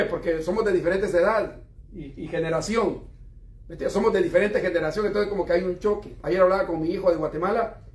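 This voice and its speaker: A middle-aged man preaching a sermon in a church, talking conversationally and often asking his listeners rhetorical questions. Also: high-pitched. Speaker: pastor. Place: church hall. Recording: echoey room, voice from far off.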